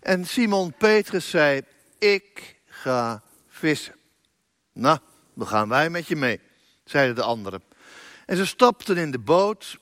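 Male pastor, Bible reading, unhurried and very lively in pitch, dry close sound. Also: no room sound. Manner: slow, lively reading with raised voices for quoted speech. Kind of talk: Bible reading in a church service.

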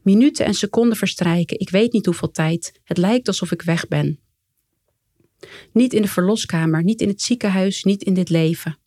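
A woman reading her own memoir aloud in a calm, measured way, quietly voicing the lines of the people in it. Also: medium pitch, no echo, studio quality. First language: Dutch. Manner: calm, measured storytelling with quiet quoted dialogue. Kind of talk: first-person memoir reading.

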